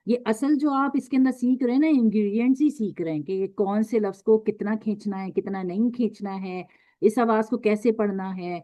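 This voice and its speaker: A woman teaching Quran recitation in an online lesson, patient and repetitive, stretching letter sounds slowly to show them. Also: medium pitch, dark tone, no room sound.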